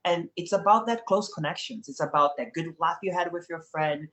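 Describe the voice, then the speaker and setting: Here a young guest from Brazil, carrying a Brazilian Portuguese accent, chats casually in an earnest, reflective manner and laughs readily. His slightly high voice sounds brisk, pushed and bright, with reverb around it.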